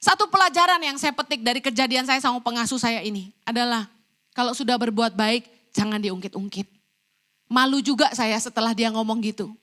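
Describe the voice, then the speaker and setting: A middle-aged woman preaching a church sermon, telling a personal story in an animated way and acting out the lines people said to her. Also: on the high side, fairly quick. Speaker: evangelist preacher.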